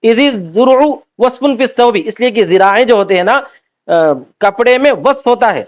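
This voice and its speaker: A man teaching Islamic law, reading out Arabic text and then explaining it by asking and answering his own questions. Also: very high-pitched. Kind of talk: classroom lecture. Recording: dull lo-fi recording.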